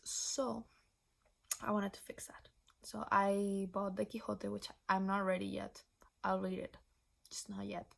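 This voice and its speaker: A nineteen-year-old woman from Venezuela chatting casually as a book vlogger, rambling with restarts and slipping into breathy whispered asides. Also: mid-range voice. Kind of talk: casual chat.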